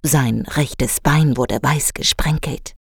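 Female storyteller, low and slow, measured and expressive for a children's tale. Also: husky, no room sound, clean studio sound.

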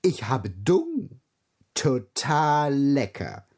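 A snooty storybook giraffe lady, as a man puts her on, speaking in a prim, slow drawl. The voice is gravelly and husky, rising and falling in a lively, sing-song way. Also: medium pitch, voice pushed up, heavily acted. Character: snooty, curious female giraffe.

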